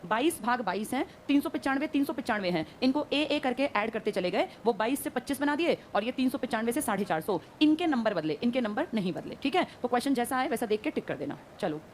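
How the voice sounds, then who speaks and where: Brisk woman teacher, quick-fire quizzing, high-pitched and fast. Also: lively intonation, slight background noise. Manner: brisk, quizzing students and answering herself. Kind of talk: classroom lecture. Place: classroom.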